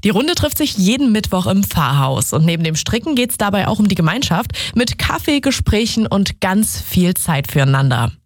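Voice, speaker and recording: A woman's voice: mid-range voice, sing-song, normal speed, few pauses, no room sound. A woman hosting an evening regional radio news show, presenting in an upbeat, chatty scripted style. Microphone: studio microphone.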